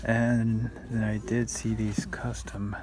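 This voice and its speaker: The audio is very noisy as a sneaker-reselling vlogger in his thirties talks slowly in a lowish, flat voice with little pitch movement. Easygoing and full of fillers, he holds his phone at arm's length in a parked car and retail stores.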